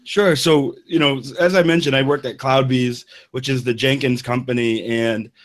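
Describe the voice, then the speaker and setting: A man's voice: medium pitch, fairly even intonation, moderate pace. A man speaking as a guest engineer in an interview, enthusiastic and rambling with many restarts. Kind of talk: casual interview talk.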